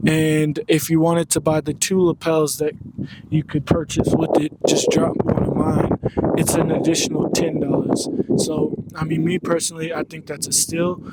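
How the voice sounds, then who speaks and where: A man's voice: fairly high pitch, normal speed. A man casually testing a wireless microphone outdoors on a windy evening. His voice goes through the device's noise cancellation, which leaves audible artifacts, first from a handheld transmitter and then from a clip-on lapel mic. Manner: relaxed, rambling. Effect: noise cancellation processing artifacts. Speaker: gear reviewer. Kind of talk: casual product test vlog. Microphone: wireless transmitter held in hand, then a clip-on lapel mic. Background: light wind.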